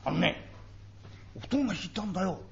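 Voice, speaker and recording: A sly young boy coaxes and teases, stretching every word of his story, as a man puts him on. The voice sits high with a gravelly edge. It comes from a muffled live recording with an audience laughing. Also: lively intonation, crowd noise. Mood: teasing. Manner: coaxing, teasing, drawn-out storytelling. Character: sly cheeky young boy wheedling coins. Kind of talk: traditional comic storytelling performance.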